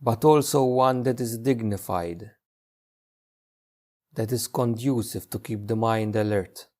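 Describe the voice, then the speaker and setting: In a lowish voice, a man acts as the teacher for a guided meditation. He delivers each instruction gently and at an easy pace, letting long pauses fall between them.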